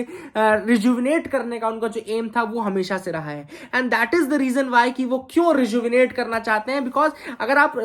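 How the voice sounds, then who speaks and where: A woman teaching an explanatory video lesson for exam students in a chatty way, asking rhetorical questions and mixing in English phrases. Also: fairly high pitch. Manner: mixes English phrases into speech.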